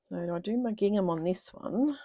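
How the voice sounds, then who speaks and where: A woman hosts a live card-making stream, chatting and thinking aloud as she demonstrates her craft, a little sniffly from a cold. Her medium-pitched voice is lively, brisk and mellow, captured in a dry, clean studio recording.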